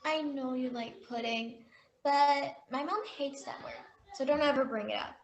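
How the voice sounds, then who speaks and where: A woman's voice: sits high, fairly even intonation, normal speed, slight background noise, low-quality recording. An actress playing an anxious young woman in a comedy sketch, fretting and laying down rules. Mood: bossy. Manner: nervous, fretful, over-explaining. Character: anxious young woman introducing her boyfriend. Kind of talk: amateur comedy sketch acting.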